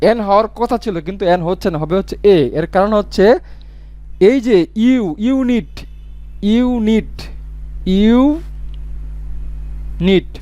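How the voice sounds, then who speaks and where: A man with a high voice teaches an English grammar lesson. He repeats each example word several times and draws it out slowly. The recording is close and dry. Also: warm tone, no room sound. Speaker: English tutor.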